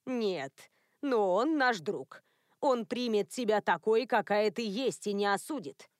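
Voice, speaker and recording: A woman voicing a prim, controlling elderly woman who is a werewolf grandmother, lecturing in a cold, even tone. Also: mid-range voice, measured pace, no echo, clean studio sound, close to an everyday voice. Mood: stern.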